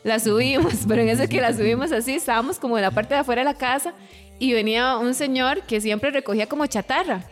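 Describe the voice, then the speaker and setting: A Costa Rican woman telling childhood stories in a casual chat, animated and chatty. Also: on the high side, faint music behind. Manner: animated storyteller, quick and chatty.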